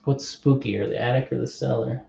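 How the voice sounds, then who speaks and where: A man's voice: medium pitch, steady tone, moderate pace, vocal fry, dark tone, a little hiss or hum. A man playing a board game on stream, thinking aloud, reading rules off the cards and asking his viewers for opinions. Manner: thinks aloud, reads card text, asks unseen viewers. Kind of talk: casual play-through commentary. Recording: muffled, echoey room.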